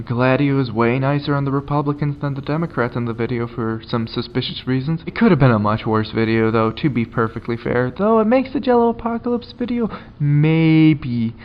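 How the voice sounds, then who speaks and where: A man's voice: medium pitch, muffled recording, slight background noise. A man doing casual commentary, sarcastic and swearing often. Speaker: commentary YouTuber.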